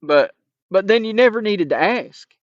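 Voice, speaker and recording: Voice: medium pitch, expressive, moderate pace, dry recording, pitched above the performer's own voice, natural voice. A reader voicing a nervous young man who stammers hesitantly, on a dull, muffled recording. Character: nervous young male hero.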